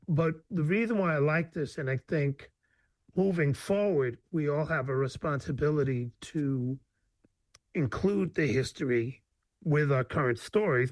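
A man's fairly high voice leads a casual interview, affirming his guest and talking loosely with fillers along the way. The recording is dry and close. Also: darkish tone, dry recording. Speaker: interview host. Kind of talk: conversational interview.

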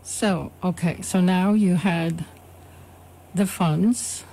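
Female host, low warm gravelly voice, slow deliberate questions. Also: steady tone. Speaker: interviewer host. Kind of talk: interview.

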